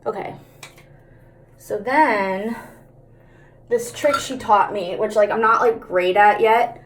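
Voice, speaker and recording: A woman's voice: medium pitch, slow pace, slight background noise. Girl doing a casual makeup tutorial, talks out the side of her mouth, slangy n sweary, says like a lot. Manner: candid, slangy and sweary, with many filler "like"s.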